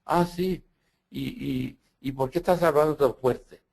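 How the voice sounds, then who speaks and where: A man's voice: a little high, creaky, a little mellow, voice pushed up. An older man voicing a curious, chatty six-year-old girl who keeps firing questions. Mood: scolding. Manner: eager rapid questioning.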